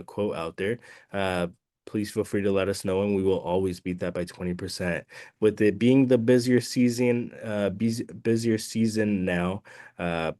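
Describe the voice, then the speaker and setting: A man's voice: deep voice, dark tone, no echo, studio quality. A man presenting a webinar with a slightly muffled voice, sounding under the weather. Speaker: guest presenter, balcony inspection company representative.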